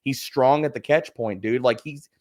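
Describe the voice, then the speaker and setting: A man's voice: medium pitch, moderate pace, darkish tone. A man in casual podcast chat as a fantasy football analyst, ranting emphatically with profanity and rhetorical questions.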